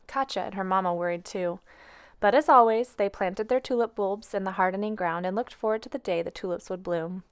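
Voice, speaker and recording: A woman reading a children's picture book aloud. Her reading is gentle and expressive, unhurried, with a plain middle pitch. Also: clean tone. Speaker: storytime reader. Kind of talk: children's storybook read-aloud.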